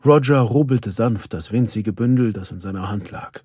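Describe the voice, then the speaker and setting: A man slowly narrating a storybook audiobook in the first person, telling the tale as a dog. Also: fairly low pitch, slightly rough, dry recording, clean studio sound. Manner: slow, expressive storytelling.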